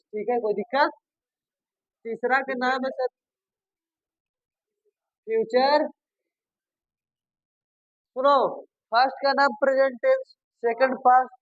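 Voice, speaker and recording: Teaching grammar, this man keeps repeating key terms, refers to his students as sir and babu, and supplies answers to his own questions. His voice is very high, and the recording is dry and lo-fi.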